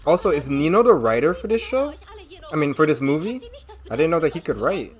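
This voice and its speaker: A woman giving casual, expressive reaction commentary as the host of a video, often exclaiming. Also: low-pitched, brisk.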